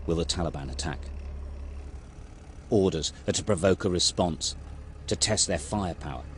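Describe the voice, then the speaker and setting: A man's voice: low voice, normal speed. A man giving scripted war documentary narration in terse, dramatic short sentences. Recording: loud vehicle and battlefield noise behind.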